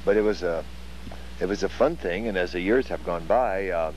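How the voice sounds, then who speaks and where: A man in his eighties from Iowa, giving a measured, articulate account of family gatherings in an oral history interview. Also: sits low, a little mellow, slight background noise, rough recording. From Iowa, USA. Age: 80s. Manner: articulate, measured storytelling with fillers.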